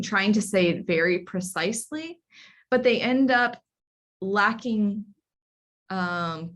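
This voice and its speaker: This woman has a mid-range, slightly bright voice and is heard through a video call. She's a library workshop instructor teaching writing online, walking through each step while often saying um and starting over.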